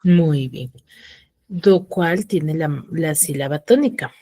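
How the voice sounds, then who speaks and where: A woman teaching an online class with a somewhat low voice and a patient, questioning way of talking. She slows down to sound out syllables, and the recording is dry and close, with no room echo. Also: mellow.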